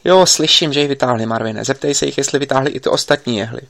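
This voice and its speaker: A man's voice: medium pitch, creaky, fairly bright tone, dry recording. A man reading an audiobook, voicing an insistent investigator giving urgent instructions over a line.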